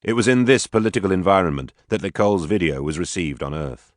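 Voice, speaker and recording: A man narrating an audiobook in a steady, even reading voice. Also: sits low, quick pace, no room sound, clean studio sound. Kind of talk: scripted narration.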